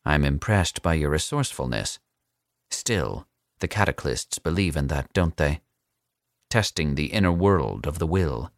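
A man voicing a suave, cold and amused older captor in a slow, condescending manner. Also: rumbling low, lively intonation, no room sound, clean studio sound, heavily acted. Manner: smooth, unhurried and condescending.

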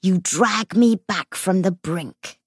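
A woman voicing the murdered ghost of a bitter male warlock, with a hollow, hissing voice and a slow, brooding delivery. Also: lowish voice, husky, no room sound, clean studio sound. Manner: slow, brooding, sinking to a whisper.

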